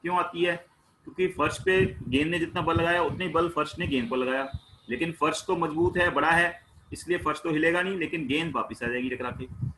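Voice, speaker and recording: Bright-voiced man teaching science. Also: on the high side, fairly quick, slight background noise, rough recording. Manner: asks questions and answers them himself; plain everyday explanations with household examples. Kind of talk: explaining a class 9 worksheet.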